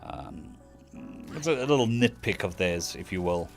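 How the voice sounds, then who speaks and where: A man from South Africa, speaking South African English tinged with British tones, thanks his stream viewers by name in a relaxed chat. He sits low in pitch and sounds animated at a normal speed, with faint music in the background.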